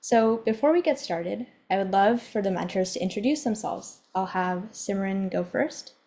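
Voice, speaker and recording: A woman hosts an online symposium from her computer mic on a video call. She speaks at a steady middle pitch, welcoming everyone in an organized, friendly way with a few ums along the way. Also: moderate pace. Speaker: event host.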